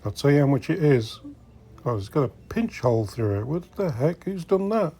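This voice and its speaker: Browsing inside a secondhand shop, a middle-aged man who hosts a vintage collecting vlog gives viewers casual, chatty commentary and sometimes mutters to himself. His slightly high voice is very animated and warm, with vocal fry and a breathy edge, at a moderate pace, while faint music plays behind him.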